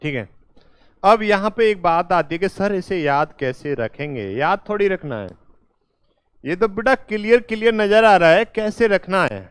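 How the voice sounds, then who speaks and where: A man's voice: sits high, lively intonation, moderate pace, clear, resonant tone, no room sound. A male teacher giving a classroom lecture at a board, coaxing students with repeated quiz questions and calling them "beta". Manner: calls listeners "beta".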